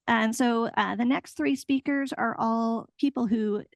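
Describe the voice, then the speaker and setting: A woman's voice: on the high side, unhurried, no echo. A woman moderating a workshop session, thanking speakers and introducing the next ones. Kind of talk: moderating a panel.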